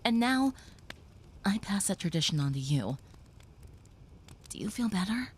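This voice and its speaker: Soft-spoken and frequently whispering, she voices a kind young vampire girl who soothes a human in an audio roleplay. The delivery is a little slow and sing-song at a medium pitch, and there's a bit of background noise.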